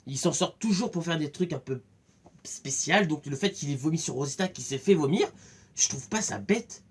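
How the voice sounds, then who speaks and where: A talkative man giving a casual, rambling spoken review, excitable and full of restarts. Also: a little high, normal speed, slightly rough. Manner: chatty, rambling, many restarts and fillers; excitable, acts out scenes with voices. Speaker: film and series reviewer.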